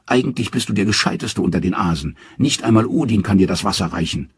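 A man voicing a loyal goddess wife who scolds quickly and indignantly. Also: lowish voice, animated, husky, dry recording, studio quality.

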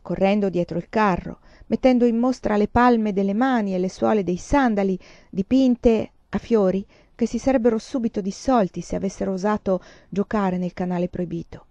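A woman reading a novel aloud in a calm, measured storytelling manner. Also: medium pitch, dry recording. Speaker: audiobook reader.

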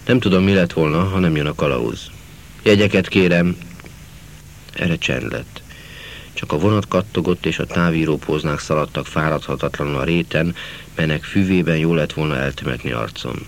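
A man narrating a literary novel in a measured, earnest reading. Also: a bass voice, vocal fry, a little hiss or hum. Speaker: audiobook narrator.

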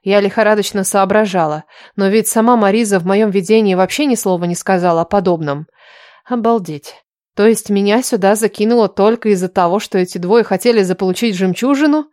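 Woman narrator for a first-person fantasy audiobook, even storytelling, dry sound. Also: mid-range voice, fairly quick, dry recording.

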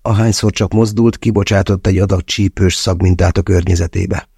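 A man's voice: deep voice, steady tone, vocal fry, dark tone, husky, no echo, studio quality. A man narrating a novel in the first person as an audiobook, in a wry storytelling manner.

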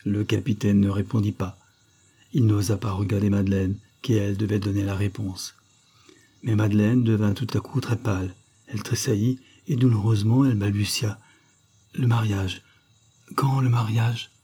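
A man reading a classic novel aloud in measured, literary scripted narration. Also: on the low side, little pitch movement, dark tone, slightly rough. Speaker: audiobook narrator.

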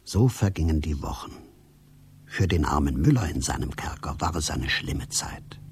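A man narrating a fairy tale in a radio drama, with expressive storytelling. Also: rumbling low, moderate pace, a little hiss or hum.

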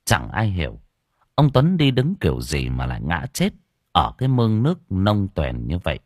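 A man narrating an audio story with expressive storytelling on a close mic. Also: low-pitched, normal speed, no room sound.

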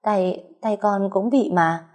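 A woman's voice: medium pitch, normal speed, a little mellow, close to an everyday voice. A woman with a Southern Vietnamese accent voicing a scheming young woman who stammers and pities herself. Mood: stammering. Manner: stammering, self-pitying.

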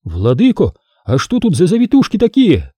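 Eager, curious boy prince, voiced by a male narrator; high, bright-eyed, husky. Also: huge pitch swings, normal speed, no echo, full character voice.

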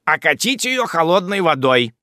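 A man voicing an elderly country gentleman host, blunt and somewhat gruff. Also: a little high, sing-song, normal speed, no room sound, studio quality, pitched above the performer's own voice. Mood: reassuring. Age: older. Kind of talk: audiobook character voice.

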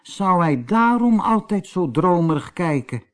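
A man's voice: high-pitched, big pitch swings, measured pace, voice pushed up. A man voicing an anxious, fretful mother who worries about everything. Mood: worried. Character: anxious worrying housewife and mother, middle-aged.

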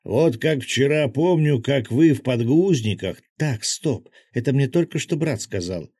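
A man voicing a joking male soldier who teases and draws out his words slowly. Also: medium pitch, animated, dark tone, husky, dry recording, studio quality, voice pushed up. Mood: teasing. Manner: teasing, drawn-out joking delivery.

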